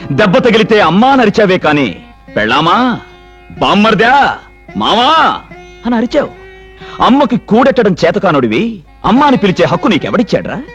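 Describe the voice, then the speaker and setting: A stern, righteous village strongman from a film drama. He lectures in a commanding way, his fairly high voice swinging widely in pitch. Faint music plays behind him. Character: stern righteous male village elder-brother figure. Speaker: village strongman settling disputes. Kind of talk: dubbed Telugu film drama dialogue.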